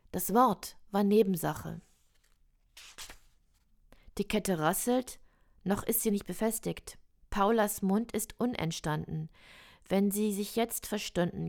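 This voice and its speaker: A woman reciting experimental prose poetry in a slow, measured, deliberate way. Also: mid-range voice, gravelly.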